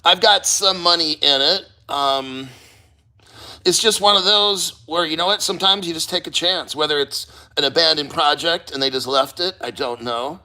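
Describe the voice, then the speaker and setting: A man's voice: a little high, moderate pace, pushed and bright. A man livestreaming casually from a cold water plunge, speaking bluntly as a host, with loose motivational rambling and casual swearing. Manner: talking while sitting in a cold water plunge. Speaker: livestream host of a crypto channel.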